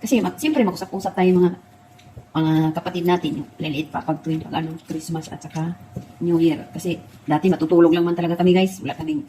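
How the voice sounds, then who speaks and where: A middle-aged woman with a fairly low voice, talking casually to her viewers while she makes a dish at home. Her stories swing between laughter and tears. Dishes and pans clink faintly in the background. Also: fairly even intonation, fast, dark tone, slight background noise, poor audio. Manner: chatty, keeps calling out to her viewers. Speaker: cooking vlogger. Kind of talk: casual cooking chat and personal storytelling.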